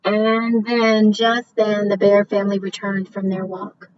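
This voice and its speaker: A woman teacher reading a storybook aloud as a lesson, with expressive, drawn-out emphasis, then explaining story elements. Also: medium pitch. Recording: distant, dull recording with faint hiss.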